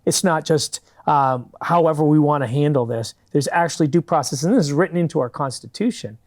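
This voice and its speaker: A man with a slightly high voice and a fairly quick pace is a guest in a public TV studio. As the founder of a fundraising company, he answers earnestly, explaining his views at length and repeatedly restarting his thoughts.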